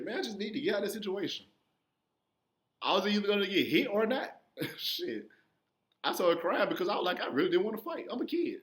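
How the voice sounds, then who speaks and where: A young man telling a profane stand-up story, acting out his younger self in sudden high squeaky voices. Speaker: stand-up comedian.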